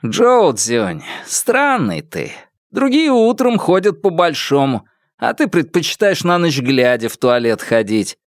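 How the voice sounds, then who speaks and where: A mocking young roommate ribbing his friend, in a noticeably raised voice with a lively lilt, as a man plays him. The read is dry and close-miked. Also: a little high, unhurried, no echo, pitched above the performer's own voice. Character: teasing young male student roommate.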